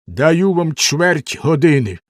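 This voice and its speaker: A man voicing a cruel, menacing nobleman husband in a storybook reading, with slow, stern, threatening delivery. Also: on the high side, sing-song, dry recording, clean studio sound, voice pushed up. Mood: cold.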